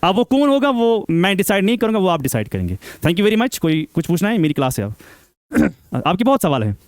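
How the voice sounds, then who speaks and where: A man's voice: sits high, big pitch swings, fairly quick, no room sound, clean studio sound. Emphatic male seminar speaker. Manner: emphatic, rhetorical questions, mixes English into Hindi. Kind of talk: exam guidance talk to students.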